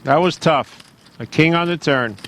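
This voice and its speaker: A man's voice: on the high side, normal speed, a bit bright, slight background noise. A man calling a poker tournament in a wry, joking commentary style.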